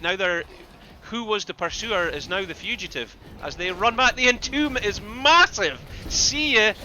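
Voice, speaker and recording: A man giving excitable live play-by-play commentary on an esports match, with bursts of loud exclamations. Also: high-pitched, slight background noise. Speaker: esports caster.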